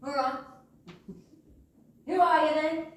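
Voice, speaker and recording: In a very echoey theatre, a blunt gangster man. The voice is high, cocky and menacing, projected for stage comedy from far off the mic. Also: steady tone, takes it slowly. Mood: brusque, puzzled. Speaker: stage actor in a comedy play. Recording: echoey theatre, distant mic, faint noise.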